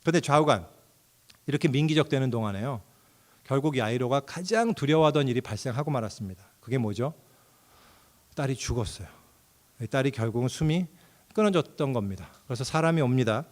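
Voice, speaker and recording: A man's voice: mid-range voice, animated, brisk, long pauses. A middle-aged man preaching a sermon as pastor, telling the story expressively and acting out characters' thoughts with sudden outbursts.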